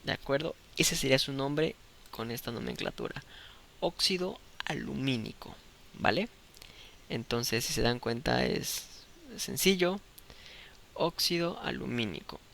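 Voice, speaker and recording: Guy explaining chemistry, patient, keeps asking if you follow, kinda gravelly voice. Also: medium pitch, lively intonation, measured pace, fairly bright tone, slight background noise. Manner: patient, checks understanding with "¿de acuerdo?". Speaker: chemistry teacher. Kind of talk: explanatory online lesson.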